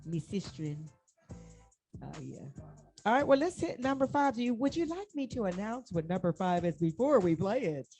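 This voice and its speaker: A woman co-hosting a casual show, bantering, laughing and giving shout-outs. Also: on the high side, lively intonation, a little fast, soft background music. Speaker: co-host.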